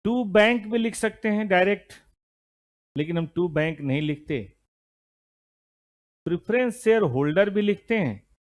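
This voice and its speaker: A middle-aged man teaching an accounting lesson to a classroom of students, lively and scolding now and then. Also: high-pitched, measured pace, long pauses. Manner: lively, scolding students, mixes Hindi and English terms. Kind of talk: classroom lecture.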